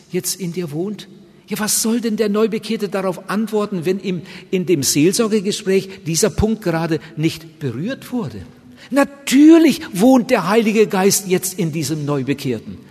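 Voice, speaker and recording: Male preacher, high-pitched, earnest and emphatic delivery; recorded with a long echo in a big hall. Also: darkish tone, slightly rough. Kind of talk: sermon.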